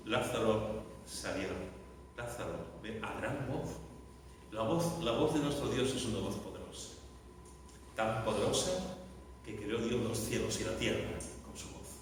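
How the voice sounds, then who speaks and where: A male pastor preaches in a big echoing church hall, caught by a mic set well away him. He repeats his lines and bursts into loud cries for emphasis. Faint room noise hangs behind the long reverb. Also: mid-range voice, slow pace, pauses often. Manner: dramatic, repeating phrases, shouting for emphasis. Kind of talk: sermon. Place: large echoey church hall. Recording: echoey hall recorded from far off.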